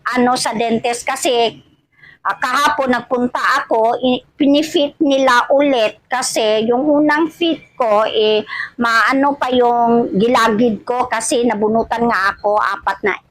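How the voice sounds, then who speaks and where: A Filipino woman with missing front teeth chatting casually to her vlog viewers, halting and often repeating her words. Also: on the high side, fairly even intonation, no echo, rough recording. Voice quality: speech of someone with missing front teeth, wearing old dentures. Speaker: vlogger. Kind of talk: casual rambling vlog chat addressed to viewers.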